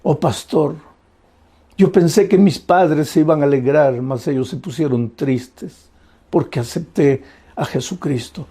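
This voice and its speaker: A man voicing a young woman who pleads tearfully with her parents, speaking softly in a hushed, pleading way. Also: on the high side, measured pace, breathy edge, voice pushed down.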